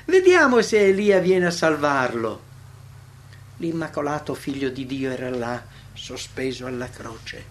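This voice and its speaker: A man reading a devotional text aloud as a narrator, solemn, with dramatic swells and hushed drops. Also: medium pitch, slight background noise.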